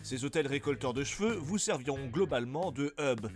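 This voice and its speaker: A man's voice: medium pitch, lively intonation, a little fast, faint music behind. A man giving humorous, scripted game narration in an irreverent, crude, slangy way. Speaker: video game reviewer.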